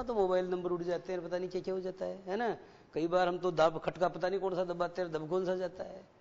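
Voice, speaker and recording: A man teaching an English class to schoolchildren, explaining slowly and asking them rhetorical questions. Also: high-pitched, a little mellow. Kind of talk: classroom lecture. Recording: dull lo-fi broadcast with long reverb.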